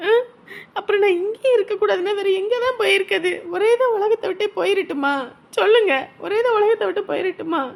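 Brief: actress for a bitter, weepy young wife in a family drama; very high voice with a gravelly edge, rapid accusations. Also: female voice. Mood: aggrieved. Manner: tearful, accusing, rapid-fire complaints. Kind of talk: melodramatic web-series acting.

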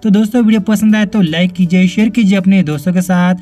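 A man's voice: high voice, steady tone, fast, dark tone, soft background music. A man giving a chatty product review voice-over, mixing English words into Hindi and calling the viewers friends. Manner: keeps addressing viewers as friends. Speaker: tech reviewer.

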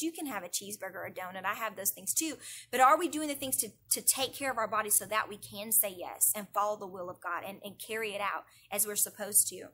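A woman's voice: on the high side, sharp tone, slightly rough. A woman, a church youth director giving an earnest devotional talk, repeating phrases for emphasis and rising into prayer. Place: indoors, online church broadcast.

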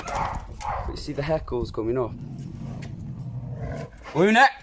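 Excitable man coaxing his dogs, lively pitch. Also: slow pace. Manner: excitable, coaxing and praising dogs, laughs often. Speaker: dog owner filming his dogs. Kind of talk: casual home video chat. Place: at home. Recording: noisy home video.

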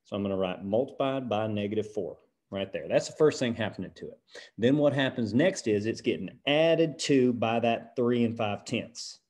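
A man's voice: lowish voice, expressive, moderate pace, darkish tone, natural voice. A math teacher putting on a country accent to play a folksy, patient male teacher, walking through equations and checking in with "right?" as he goes. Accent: put-on American country. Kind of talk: lesson video.

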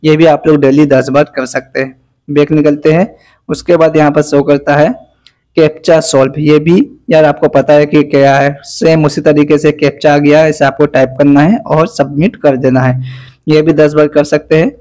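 A man walking viewers through an app in a screen-recorded tutorial, speaking slowly and deliberately with low energy as he fasts, repeating each step. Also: flat delivery, darkish tone. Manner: instructive, repetitive step-by-step guidance. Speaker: app reviewer.

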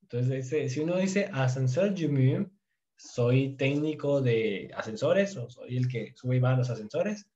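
A man teaching Turkish, slowly drilling question forms and explaining in quick, casual asides. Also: mid-range voice, lively intonation, warm tone, dull audio. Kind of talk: casual language lesson.

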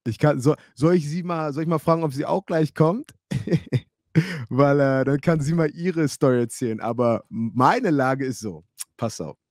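A man in his thirties hosts a livestream, casually sharing personal stories with his chat, acting out quoted lines and laughing a lot. His voice is on the high side, measured and a little mellow, recorded cleanly in a studio with no echo.

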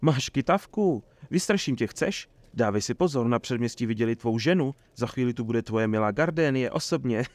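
A man's voice: medium pitch, few pauses, a little mellow, dry recording, lightly acted. A man voicing a flamboyant, boastful male troubadour who teases and shows off, in a theatrical manner. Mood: teasing. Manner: showy, mocking, theatrical.

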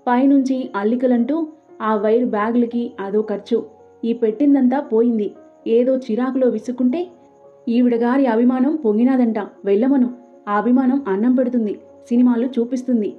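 Brief: woman storyteller, steady reading, fairly high voice, tinny phone-like sound with soft music behind. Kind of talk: scripted story narration. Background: faint background music.

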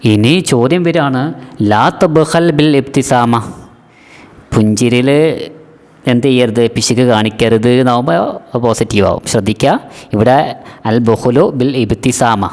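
Patient male teacher in a reverberant room. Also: medium pitch. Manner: patient, repeats key terms and asks students to check understanding. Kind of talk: exam-prep lesson.

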